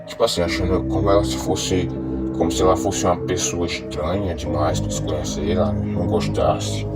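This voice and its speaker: A movie recap narrator disguises his real voice with a voice changer, giving a low-voiced, loose and chatty film plot summary stuffed with fillers. The voice-changer audio sounds muffled and dull, with background music behind it.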